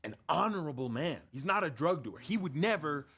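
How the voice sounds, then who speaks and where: A man narrating and acting out his own game role-play in an animated, rambling way, often laughing. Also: on the high side, brisk, slightly rough.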